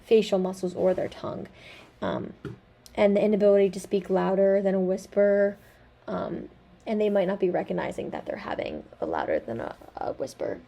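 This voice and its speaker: A woman's voice: mid-range voice, animated, normal speed, gravelly, warm tone. A young woman giving a class presentation, talking casually with frequent ums and likes. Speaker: student presenter.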